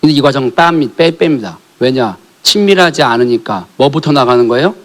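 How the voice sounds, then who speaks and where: An animated male pastor preaches at a moderate pace in a mid-range voice, addressing a congregation in a church sanctuary. He relates a family story and asks questions, shifting between emphatic calls and hushed near-whispers.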